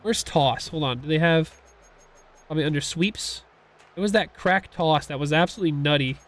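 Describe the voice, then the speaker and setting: A young man giving casual, excitable commentary while playing a football video game, rambling and reacting loudly to big plays. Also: a little high, moderate pace, faint music behind. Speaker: gaming YouTuber.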